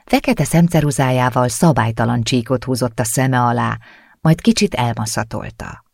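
A male audiobook narrator reading at a calm, measured pace. His voice has a gravelly grain and sits at a mid pitch, recorded dry and close. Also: dry recording. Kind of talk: scripted narration.

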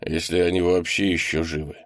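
Man playing a grim crewman, quiet, low voice, audiobook. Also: level tone, fairly quick, no room sound, clean studio sound, lightly acted.

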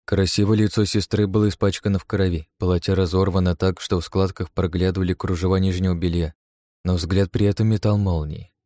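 Deep, dark-voiced male narrator. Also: flat delivery, fairly quick, no room sound, studio quality. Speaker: audiobook narrator. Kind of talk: first-person scripted narration.

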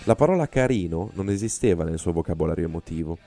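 A man reading a novel aloud in a measured, deliberate narration. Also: low-pitched, lively intonation, mellow, soft background music. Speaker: reader. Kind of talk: audiobook reading.

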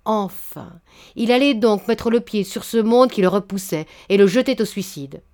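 A woman narrating a literary short story as an audiobook, in a measured, expressive way. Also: medium pitch.

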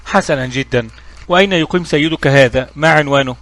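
A man's voice: on the high side, quick pace, fairly bright tone, lightly acted. A man voicing a male police inspector who asks firm, probing questions in a story reading.

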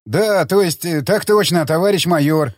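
Brief: male narrator as cowering hungover soldier, stuttering and whimpering, higher voice, dry mic. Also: moderate pace, no echo, lightly acted. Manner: stammering, whimpering, meek. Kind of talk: audiobook character reading.

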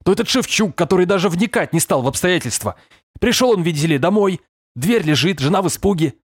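A man's voice: high voice, expressive, fast, husky, no room sound, pitched above the performer's own voice. A man voicing a furious, stout middle-aged police lieutenant colonel who scolds with bellowing sarcasm. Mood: raging.

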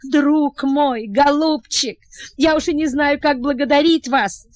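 A woman's voice: high voice, unhurried, no room sound, voice pushed up. A woman reading the part of an anxious, tearful young princess who pleads and asks breathless questions. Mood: excited.

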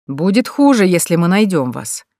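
Woman reading as threatening leering male bandits, audiobook, louder and pushier, dry close sound. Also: fairly low pitch, sing-song, moderate pace, no echo. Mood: menacing. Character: menacing adult male bandits.

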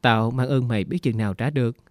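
A frail, homesick woman who is ill speaks in a plaintive, weary way, read by a man. The voice sits at an ordinary middle pitch. The sound is dry and close, like a storybook audio reading. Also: fast, dry recording, natural voice. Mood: grateful.

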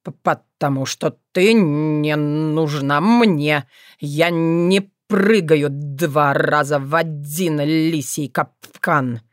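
A woman voicing a reserved young male fox who speaks slowly with a stammer in an audiobook. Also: low-pitched, no room sound, studio quality. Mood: cold. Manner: slow, stammering, subdued. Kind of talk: audiobook character voice.

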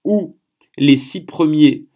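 A man's voice: on the high side, slow pace, darkish tone. A man hosting a solo podcast episode, speaking in a chatty, hesitant way and stumbling over foreign names. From France. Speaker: podcast host.

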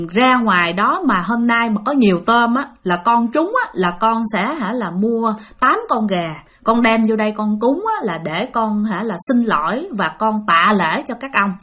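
A woman, chatting her way through spooky stories with plenty of fillers. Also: mid-range voice. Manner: chatty and animated, with many fillers. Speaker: storyteller. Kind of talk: spoken ghost-story narration.

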